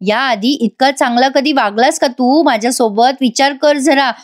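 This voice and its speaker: A woman's voice: high-pitched, normal speed, natural voice. A woman voicing an angry, stubborn young wife from a TV serial, speaking sharply. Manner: sharp, cutting.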